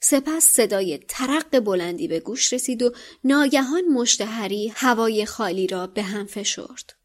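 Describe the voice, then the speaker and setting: High-voiced woman narrating a story. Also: lively intonation. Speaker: podcast guest reader. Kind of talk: expressive audiobook-style narration.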